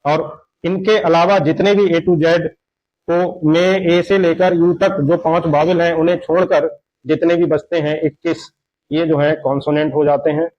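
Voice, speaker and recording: A man teaching a grammar lesson in Hindi, explaining slowly and repeating each example. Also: a little high, level tone. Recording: dull lo-fi sound.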